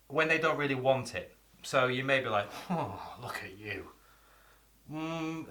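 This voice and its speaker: A man's voice: medium pitch, sharp tone. A man teaching English vocabulary in a chatty video lesson, acting out little example lines as he explains.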